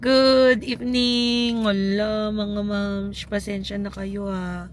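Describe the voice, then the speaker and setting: Woman, Filipino accent, hoarse from a cold; slow, chatty phone vlog outdoors with traffic noise. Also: mid-range voice, fairly even intonation. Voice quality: husky. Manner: chatty, switching between Tagalog and English, addressing viewers as moms. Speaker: vlogger. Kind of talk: casual vlog chat. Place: outdoors and in a car around town.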